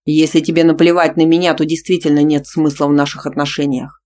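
A reader voicing a jealous, domineering young man who speaks loudly and sternly in a storybook reading. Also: medium pitch, fairly even intonation, a little fast, a little hiss or hum, lightly acted. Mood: angry, stern. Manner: loud, stern, commanding.

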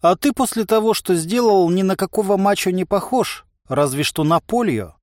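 A man's voice: high voice, expressive, moderate pace, darkish tone, no room sound, voice pushed up. A man playing a dry, sarcastic militia chief who interrogates a prisoner in an ironic, clipped way. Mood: sarcastic stern. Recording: dry close studio sound.

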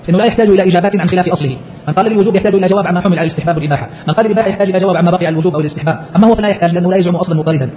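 A man explains a scholarly text at a very fast clip, raising questions and answering them himself. His voice sits a little high, and the recording is dull and lo-fi with a faint hiss behind it. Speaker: teacher. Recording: muffled lo-fi lecture recording.

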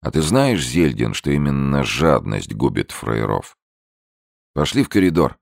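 Reader putting on a hard-bitten thug, clipped and threatening, gravelly. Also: male voice, rumbling low, very animated, measured pace, dry recording, studio quality, exaggerated voice. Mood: menacing. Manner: curt, threatening slang. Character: menacing cold young male criminal enforcer.

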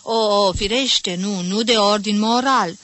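A woman's voice: mid-range voice, a bit bright, natural voice. Woman voicing an effusive old society lady. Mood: gushing. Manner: gushing, theatrical, exclamatory.

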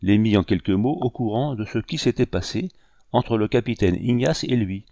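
A man reading a historical novel aloud in measured, even narration. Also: on the low side, no echo. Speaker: audiobook reader. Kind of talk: scripted narration.

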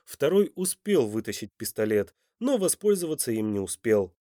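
A man reading an audiobook in an expressive, dramatic style, close to the mic. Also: mid-range voice, normal speed, no room sound. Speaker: audiobook narrator. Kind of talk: scripted audiobook narration.

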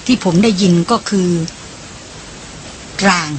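A woman's voice: slow pace, a little hiss or hum, lightly acted, poor audio. Woman reading as a hesitant middle brother. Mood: uneasy. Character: young man, middle brother, uneasy.

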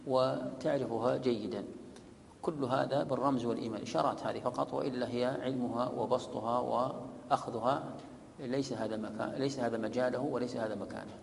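A man with a gravelly, rough-edged voice teaches recitation rules in a long-reverb mosque hall. He reads from a text, then explains, drawing out each example word slowly and on repeat. A faint low rumble runs behind him.

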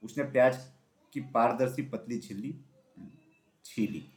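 A man narrates a children's story at an ordinary middle pitch. He keeps a steady pace and lowers his voice on the tags after each quote. His voice carries a roomy echo. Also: measured pace. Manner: steady, drops voice on dialogue tags. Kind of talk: reading a children's story aloud.

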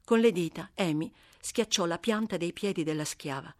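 A woman reading a novel aloud as an audiobook narrator, measured and expressive. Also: fairly low pitch, dry recording, clean studio sound. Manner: measured, expressive, dramatic slowing. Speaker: audiobook reader. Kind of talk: scripted literary narration.

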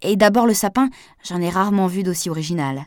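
A woman reading Laurent, a warm charming man. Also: lowish voice, fast talker, no room sound, studio quality, lightly acted. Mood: courteous. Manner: courteous, flattering.

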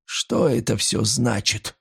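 A man voicing a rich, fearful old father who swings between frantic pleading and weary quiet. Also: fairly low pitch, fairly even intonation, slow, creaky, slightly rough, full character voice. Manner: outbursts of panic and pleading.

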